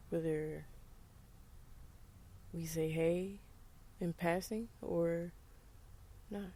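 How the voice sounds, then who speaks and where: Southern US woman, casual vlog monologue, mellow warm tone, frank and emphatic with conversational asides. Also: lowish voice. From United States. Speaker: vlogger.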